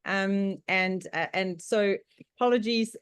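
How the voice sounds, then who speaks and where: A Czech woman with a Czech accent gives a guest presentation to an online club over video call, chatting away with frequent laughter and plenty of fillers. Her mid-range voice is clear and resonant and moves slowly.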